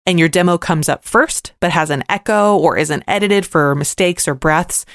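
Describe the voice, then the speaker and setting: A woman's voice: fairly low pitch, no room sound. Upbeat woman podcaster, dry close sound. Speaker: podcast host and voice actor. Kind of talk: scripted advice podcast narration.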